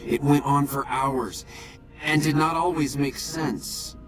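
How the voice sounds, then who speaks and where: An actor playing a serene, devout ghoul prophet in a video game, speaking in solemn, measured, formal phrases like a preacher. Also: male voice, fairly high pitch, fairly even intonation. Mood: solemn, grave. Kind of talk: video game character dialogue. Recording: game audio with music behind.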